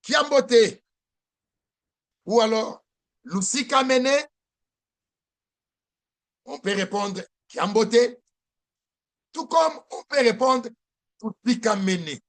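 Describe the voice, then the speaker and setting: Slow gravelly man teaching a language. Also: sits high, animated, a bit bright. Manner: slow, repeats each phrase for learners. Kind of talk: language lesson.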